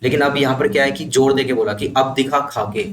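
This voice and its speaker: A man's voice: mid-range voice, steady tone, fairly quick, a bit bright. A man teaching vocabulary with memory tricks, explaining step by step and checking understanding as he goes. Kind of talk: explanatory lesson with mnemonics. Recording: echoey room, faint ambient noise.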